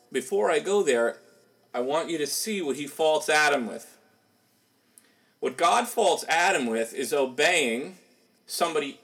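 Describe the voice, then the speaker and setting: A man's voice: medium pitch, a bit bright, poor audio. A man preaching a sermon in a conversational way, asking rhetorical questions as he goes.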